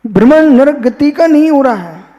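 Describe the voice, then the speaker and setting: A man, a Jain monk, giving a philosophical sermon, posing questions and answering them himself, repeating phrases slowly. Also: extremely high pitch, lively intonation, warm tone, long reverb tail, muffled recording.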